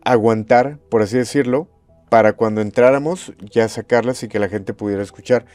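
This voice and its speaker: A man, a former radio host, recounting eerie on-air calls in a measured storytelling way. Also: medium pitch, warm tone, no room sound. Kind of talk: storytelling interview chat.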